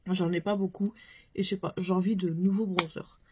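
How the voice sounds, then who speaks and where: A woman's voice: fairly low pitch, flat delivery, a little fast, slight background noise. Chatty young woman vlogger. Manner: chatty, full of fillers like "franchement" and "euh". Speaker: beauty vlogger. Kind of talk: casual makeup haul chat.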